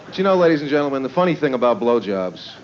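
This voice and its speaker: A man's voice: medium pitch, big pitch swings, quick pace. A man doing live stand-up comedy with leering, smutty joking, conversational and full of rhetorical questions. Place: live stage before a laughing audience. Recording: noisy, muffled live club recording.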